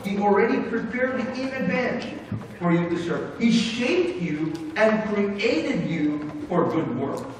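A middle-aged man preaching a sermon as pastor, animated and moving about as he speaks. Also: high-pitched, a little hiss or hum. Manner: animated preaching with big hand gestures, moving about the stage. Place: church sanctuary with brick wall, indoors. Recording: echoey hall from far off.

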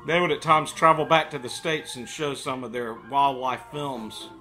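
A man's voice: mid-range voice, steady tone, moderate pace, pushed and bright, faint music behind. A man in his fifties telling stories casually to camera, often with a pipe held in his mouth as he talks. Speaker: storyteller. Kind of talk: casual storytelling monologue to camera. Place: living room, indoors.

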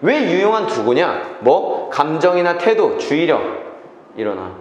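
Animated male teacher in echoey classroom. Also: on the high side, unhurried, lo-fi sound. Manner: questioning students, repeats key phrases. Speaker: English teacher. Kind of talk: classroom lecture.

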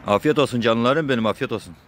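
Man on a street feeding strays, gentle coaxing calls, mid-range voice, light outdoor noise under him. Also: fast. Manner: soft, coaxing, high-pitched calls to animals. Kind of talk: coaxing street animals while feeding them.

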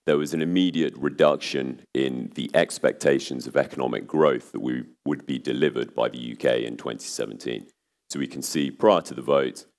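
A man in his thirties, still recovering from laryngitis, presents at an investor seminar in an exceptionally low, creaky voice. He speaks in a measured way, with many ums and restarts, and a lapel mic picks him up in a large conference hall.

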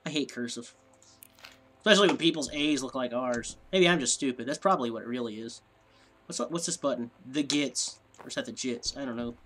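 A gameplay video host with a stuffy, sniffly nose mutters and rambles in puzzlement during casual let's-play commentary at a desk microphone. His medium-pitched voice is fairly quick and fairly bright, with slight background noise.

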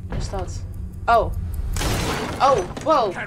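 A woman commentating a video game, excitable and reacting loudly to what happens. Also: fairly high pitch, takes it slowly. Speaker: gamer. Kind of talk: let's play commentary. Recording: game music behind the voice.

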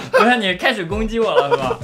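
A man's voice: very high-pitched, very noisy. A young man chatting casually and playfully, bantering with a friend during a challenge video. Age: young adult. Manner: animated, bantering, quick to laugh. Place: small furnished room, indoors.

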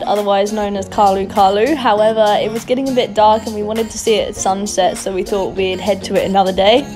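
Young Aussie woman, chatty travel narrator, upbeat tips over loud music. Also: mid-range voice. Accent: Australian. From Darwin, Australia. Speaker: travel vlogger.

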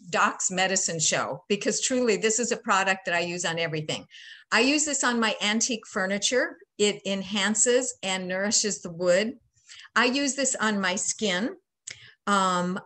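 A woman's voice: medium pitch, pushed and bright. Chatty woman presenting a beekeeping webinar. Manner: chatty, folksy, with many ums. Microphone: laptop webcam mic on a video call.

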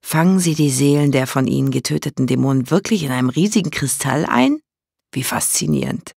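A man voicing a gentleman schemer who asks insinuating, probing questions in a gravelly voice. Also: on the high side, lively intonation, a little fast, no echo, clean studio sound.

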